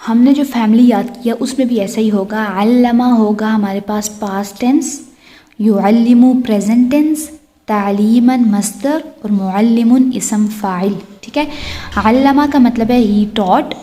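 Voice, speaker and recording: A woman teaching a recorded lesson in a fairly high, warm, mellow voice. She explains step by step, keeps asking whether the class follows, and chants word patterns in a slow, steady rhythm, mixing English terms into her speech. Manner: checks in often with questions.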